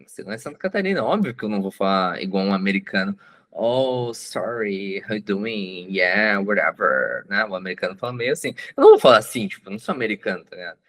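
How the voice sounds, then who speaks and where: A Brazilian man with a Brazilian Portuguese accent, a guest author in a casual interview, talking in a relaxed, slangy way full of fillers and restarts. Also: on the low side, racing. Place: abroad at home, on a remote call.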